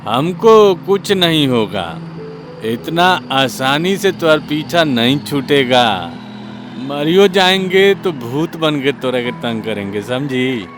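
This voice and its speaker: A man's voice: medium pitch, animated, slow pace, over music. A man voicing a tipsy, cheeky young male truck-driver ghost with a Bihari accent and a slurred drawl. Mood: teasing.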